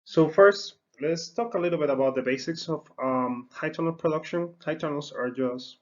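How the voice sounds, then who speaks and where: This middle-aged man's voice is fairly high and moves at a normal speed, heard through lo-fi sound. A horticulture researcher at a university, originally from the Dominican Republic, he gives an extension webinar talk riddled with uh, um, and restarts.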